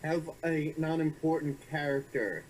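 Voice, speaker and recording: A young man co-hosting a film review, chatty and a little halting as he adds his points. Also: on the high side, over a noisy crowd, low-quality recording. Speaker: reviewer co-host. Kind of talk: casual review chat.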